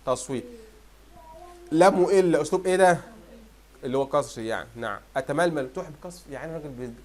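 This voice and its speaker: Quickly reviewing for an exam, a young Egyptian Arabic-accented man throws questions at the class and supplies the answers on his own. His voice is on the high side with a darkish tone.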